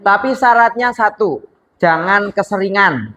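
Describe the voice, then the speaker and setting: A man's voice: high voice, expressive, measured pace, sharp tone. A man teaching storytelling to a group in a workshop, upbeat and coaxing, counting students in for practice. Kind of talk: workshop lecture with practice drills.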